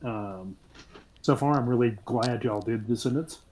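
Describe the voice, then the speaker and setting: A man's voice: mid-range voice, measured pace, a crowd in the background. A man chatting casually as a podcast guest, joking and rambling with plenty of ums. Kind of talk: casual chat.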